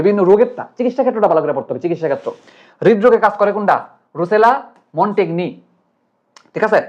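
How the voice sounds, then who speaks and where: A young man teaching an online exam-prep lecture, chatty and playful, always checking "right?" and building memory tricks. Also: high voice. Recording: dull lo-fi sound.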